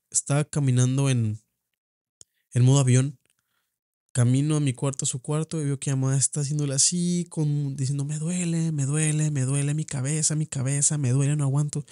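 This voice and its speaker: A young Mexican man recounts a painful memory in a podcast, halting and circling back over his words. His voice is mellow and dark, recorded close and dry with no room around it. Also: mid-range voice, no room sound. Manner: halting, repeats words, emotional retelling. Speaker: podcast host. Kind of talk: personal storytelling. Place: at home.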